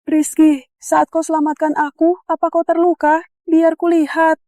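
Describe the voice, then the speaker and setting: A woman voicing a gentle young wife who is crying, soft and pleading in a dubbed drama. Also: very high-pitched, little pitch movement, normal speed, dry recording, clean studio sound, faint music behind. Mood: tearful.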